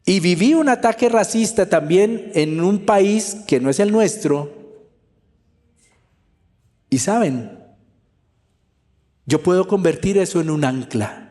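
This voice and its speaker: A man's voice: high voice, lively intonation, takes it slowly, long pauses, a little mellow, big-room sound. A male pastor delivering a sermon with emphatic preaching that repeats key phrases for effect.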